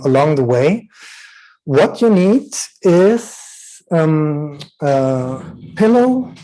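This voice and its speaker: A German man speaking English with a German accent, introducing a yoga sequence with many pauses and fillers. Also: a little high, warm tone, poor audio. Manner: slow, halting, many fillers. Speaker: yoga teacher. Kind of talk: online yoga session introduction.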